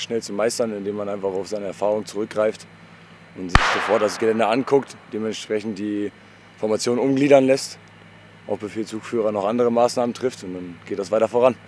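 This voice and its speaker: A man's voice: fairly low pitch, slight background noise. A man, an army squad leader, explaining tactics in an interview. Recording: music behind outdoor interview.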